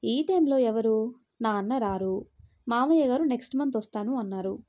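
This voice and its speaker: A woman's voice: on the high side, lively intonation, moderate pace, natural voice. A woman doing a cheerful young man. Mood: friendly. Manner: friendly, warm.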